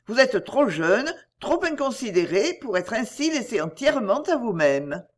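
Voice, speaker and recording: A woman's voice: a little high, sing-song, normal speed. A woman reading aloud and voicing a worried, watchful middle-aged mother who presses her daughter urgently. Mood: anxious pressing.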